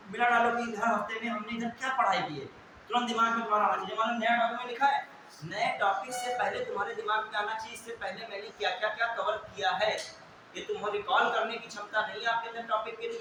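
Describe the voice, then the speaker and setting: A young man teaching a class, with a fairly high voice, firing recall questions at his students and then supplying the answers himself. He is heard from a distance in a very echoey room. A steady hiss sits under the recording. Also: quick pace.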